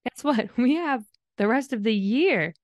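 A woman's voice: on the high side, animated, unhurried, no room sound. A young adult woman hosting a podcast in a casual chat, upbeat and chatty, laughing often. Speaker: podcast host.

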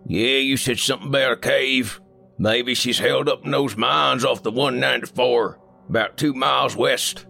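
A man's voice: mid-range voice, steady tone, normal speed, creaky, pushed and bright, soft background music, pitched above the performer's own voice. A man voicing a folksy male trucker on the CB radio, a joking talker who slips up his grammar. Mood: chatty. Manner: drawling, homespun talk with slipped grammar.

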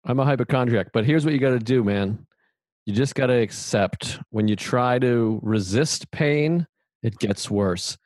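A man's voice: mid-range voice, unhurried, dry recording. Laid-back podcast host man, dry mic. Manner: relaxed, laid-back and reflective, swearing casually. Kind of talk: casual podcast chat.

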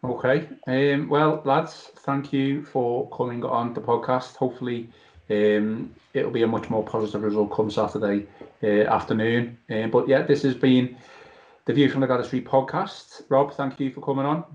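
A man's voice: mid-range voice, fairly even intonation, normal speed, darkish tone. A man hosting a casual fan podcast, talking over an internet call. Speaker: podcast host. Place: video call over Skype. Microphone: video call microphone. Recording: dull, lo-fi internet call audio.

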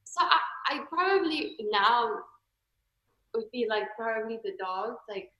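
A woman with a bright, lively voice answers softly and a little hesitantly, laughing between words. She sounds like she's in an echoey room. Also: a little high, unhurried. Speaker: interview guest, wife. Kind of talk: casual chat.

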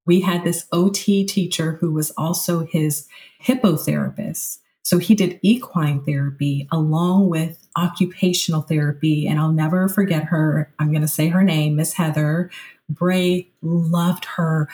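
A woman with a low, mellow voice tells stories in a relaxed podcast conversation. She is animated and laughs easily, and she talks to listeners as friends. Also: unhurried, low-quality recording. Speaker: podcast guest and parent. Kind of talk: conversational storytelling.

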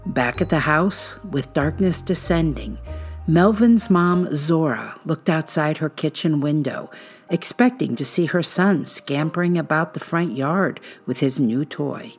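A woman hosting a podcast, narrating a true-crime script in a suspenseful, measured storytelling manner with dramatic pauses. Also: low voice, soft background music.

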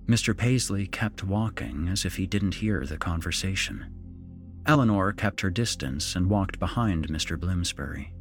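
A man narrating a scripted horror story in a slow, dramatic, measured way. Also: low voice, lively intonation, soft background music.

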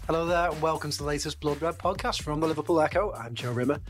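Jokey English podcast host. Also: male voice, fairly high pitch, fast, faint music behind. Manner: jokey and rambling. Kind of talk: casual football podcast chat.

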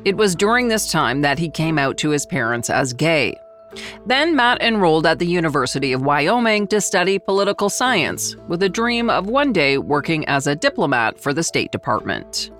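Low-voiced woman narrating a documentary podcast. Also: big pitch swings, moderate pace, fairly bright tone, soft background music.

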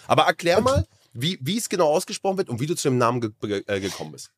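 A man's voice: fairly high pitch, fast, no echo, clean studio sound. A young man hosting a casual podcast chat, joking and tripping over a guest's name. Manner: animated, joking, stumbles over names. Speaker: podcast host.

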